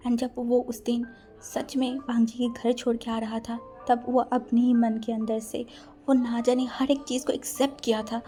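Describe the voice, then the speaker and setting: A woman's voice: fairly high pitch, flat delivery, moderate pace, dark tone, soft background music. Woman narrating a dramatic fan story.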